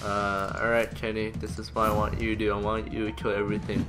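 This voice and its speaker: A man commentating casually on his own video game play, swearing constantly and breaking into excitable outbursts. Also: lowish voice, a little fast. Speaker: gamer doing a let's play. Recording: commentary over loud game music.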